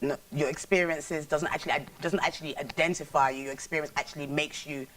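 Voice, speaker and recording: A woman's voice: low-pitched, fairly even intonation, a little fast, a bit bright, dry recording, recorded from a distance. A woman from Nigeria who is an actress guest on a talk show. She speaks earnestly and in a motivational way. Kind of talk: casual chat.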